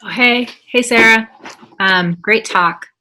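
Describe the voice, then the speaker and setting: A woman's voice: a little high, takes it slowly, very noisy. A woman therapist introducing herself politely on a video call, keen to reassure. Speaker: mental health therapist.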